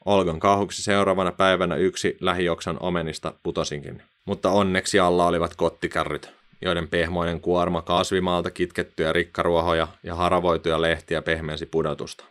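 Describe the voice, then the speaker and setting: Male narrator, low-pitched, expressive children's story reading.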